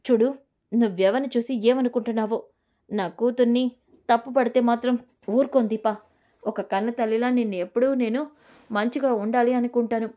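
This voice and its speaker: A woman's voice: on the high side, steady tone, normal speed, long pauses, dark tone, lightly acted. A woman voicing a stern middle-aged mother who indignantly defends her daughter. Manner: scolding, indignant.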